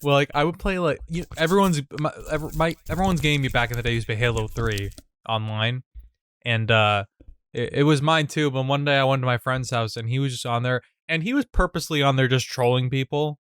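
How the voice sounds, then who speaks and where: A man's voice: mid-range voice, fairly even intonation, a little fast, fairly bright tone, clean tone, no room sound, clean studio sound. A young man co-hosting a comedy podcast, telling stories in casual chat with lots of fillers and restarts. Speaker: podcast co-host.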